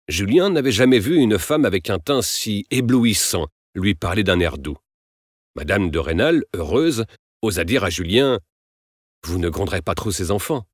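Male audiobook narrator, low voice, animated delivery, dry recording. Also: no room sound. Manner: lively, expressive storytelling. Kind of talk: audiobook narration of a classic novel.

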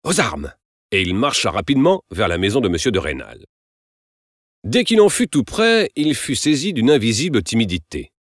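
A man reading a classic novel aloud, narrating with expressive, lively storytelling. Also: medium pitch, normal speed, no room sound, studio quality.

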